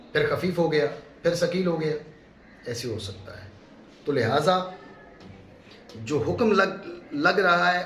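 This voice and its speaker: High-voiced man lecturing in an echoey room. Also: fairly bright tone. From Pakistan. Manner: emphatic, repeats key terms and checks with "ٹھیک ہے؟". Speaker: mufti teaching a course. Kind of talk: classroom lecture. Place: classroom with students. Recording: echoey room with faint background hum.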